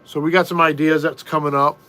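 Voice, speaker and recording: Streaming casually from home, a middle-aged American reads out comments from viewers in an easygoing, slow manner, frequently repeating and restarting his sentences. His fairly high voice stays level and sounds pushed and bright.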